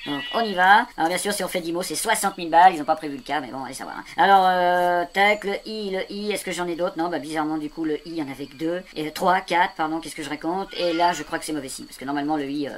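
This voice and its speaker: A man's voice: a little high, fast, few pauses, slight background noise. A man giving casual running commentary to his viewers as he scratches tickets, rambling and swearing often. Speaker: video creator.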